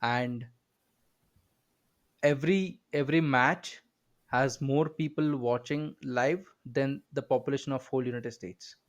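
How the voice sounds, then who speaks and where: A man's voice: medium pitch, steady tone, a little slow. A man hosting a podcast interview, teasing and joking in casual chat. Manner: joking, teasing, with frequent filler backchannels. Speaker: podcast host.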